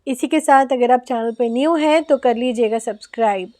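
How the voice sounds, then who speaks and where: A woman's voice: a little high, normal speed, a little mellow. An Indian woman teaching an online lesson for parents, explaining step by step and stretching out example words.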